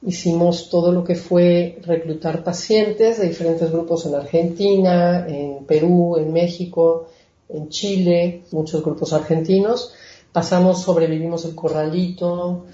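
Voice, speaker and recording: A woman's voice: fairly low pitch, fairly even intonation, measured pace, mellow, echoey room, lo-fi sound. A woman from Mexico, a genetics researcher, explaining her work in a conversational interview with frequent fillers. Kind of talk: interview answers.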